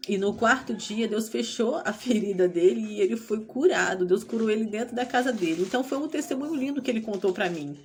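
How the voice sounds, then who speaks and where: A woman's voice: mid-range voice, brisk, few pauses, darkish tone. Brazilian woman sharing her testimony, emotional and teary, faint hiss behind her. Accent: Brazilian Portuguese. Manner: tearful, addresses listeners as "gente". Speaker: testimony speaker.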